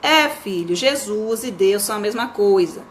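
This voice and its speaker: A woman's voice: medium pitch, expressive, moderate pace, slight background noise, natural voice. A woman reading aloud and voicing an indignant, pious mother who scolds her son. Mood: scolding.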